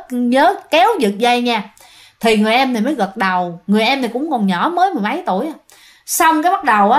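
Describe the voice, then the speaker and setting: Female storyteller, casual and chatty, talks straight to listeners. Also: sits high. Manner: chatty, addresses listeners directly, many fillers. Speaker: ghost story narrator.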